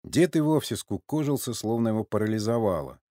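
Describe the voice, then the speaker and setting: A man's voice: on the low side, animated, fairly quick, warm tone, no room sound, studio quality. A man reading an audiobook as narrator, telling the story steadily.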